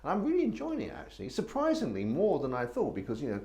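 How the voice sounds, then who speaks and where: A man's voice: fairly high pitch, huge pitch swings, quick pace, gravelly, darkish tone. A man hosting a casual wine tasting, chatting and rambling with many restarts. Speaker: wine reviewer host.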